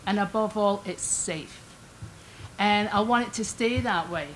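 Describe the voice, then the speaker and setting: An older woman with a Scottish accent speaks at a council meeting microphone. Her manner is chatty and folksy, and her voice sits at a middling pitch. A faint background hiss runs under her words. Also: measured pace, a bit bright, rough recording. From Scotland. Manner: chatty, homely, lightly self-deprecating. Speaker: resident giving public comment. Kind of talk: public comment at a council meeting.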